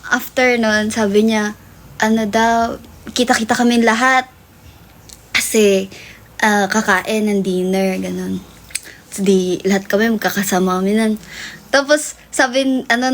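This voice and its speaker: A young woman hosting a livestream, telling a long story in casual chat that switches between Tagalog and English and is full of fillers. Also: fairly high pitch. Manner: rambling Taglish storytelling with many fillers. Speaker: livestream host.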